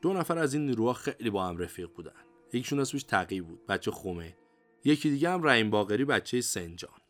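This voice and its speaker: An older man, a war veteran, telling his memories in a lively, conversational storytelling manner full of everyday idioms. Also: medium pitch, faint music behind. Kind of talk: colloquial memoir storytelling.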